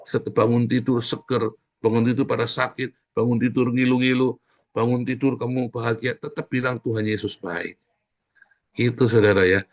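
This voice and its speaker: A man's voice: medium pitch, level tone, normal speed. A middle-aged man preaching a sermon as pastor, exhorting the congregation directly and repeating his key phrases over and over.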